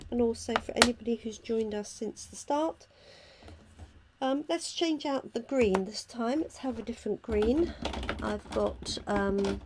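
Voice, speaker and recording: A hoarse, croaky-voiced woman chattily talking through each step of a casual live craft tutorial as she works. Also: a little high, heavy background noise. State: hoarse from illness. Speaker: craft demonstrator hosting a live stream. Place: at a craft table indoors.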